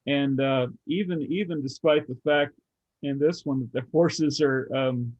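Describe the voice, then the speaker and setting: A man on a video call in a casual group discussion, speaking haltingly with many restarts as he thinks aloud. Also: medium pitch, dry recording. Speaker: study group member. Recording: muffled video call audio.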